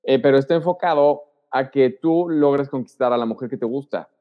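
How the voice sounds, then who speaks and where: In casual interview talk, a man of medium pitch speaks a little fast, giving advice on social situations and animatedly playing out example lines. The sound is dull and drenched in long reverb.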